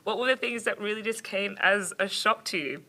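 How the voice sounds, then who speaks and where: A young woman hosting a casual roundtable chat in a studio, upbeat and quick to laugh. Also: medium pitch, pushed and bright. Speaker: host. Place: studio in Sydney.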